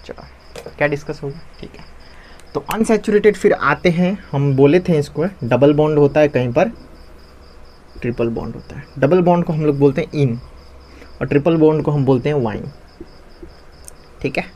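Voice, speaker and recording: A man with a fairly high voice, teaching in a loose, chatty classroom style. He keeps asking questions and answering them himself, repeating each key term so it sticks. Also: moderate pace, pauses often, darkish tone. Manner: conversational, asks and answers his own questions, repeats key terms.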